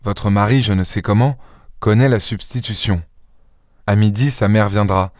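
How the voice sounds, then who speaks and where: Audiobook role: man reading a commanding gentleman protector, firm and measured, dry booth sound. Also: on the low side, no echo, lightly acted.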